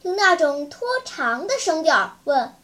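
A woman's voice: high-pitched, lively intonation, unhurried, fairly bright tone. A woman narrating a children's story in a vivid, dramatic storytelling manner. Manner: vivid, dramatic, clear enunciation.

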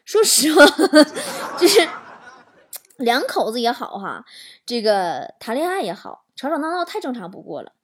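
A woman talk show host, telling stories in an animated, exaggerated comic monologue. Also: fairly high pitch, normal speed. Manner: animated, exaggerated storytelling with swearing and laughter. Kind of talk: comedic monologue.

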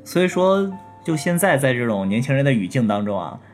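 A man's voice: medium pitch, big pitch swings, brisk, soft background music. Man asking questions on a podcast. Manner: asks questions, sums up the points. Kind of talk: casual podcast chat.

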